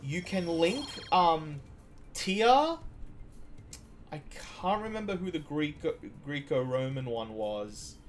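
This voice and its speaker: A man's voice: fairly high pitch, animated, takes it slowly, a little hiss or hum. A man from Iceland streaming a game, chatting casually and drifting into long trivia asides with frequent restarts. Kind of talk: casual gameplay commentary.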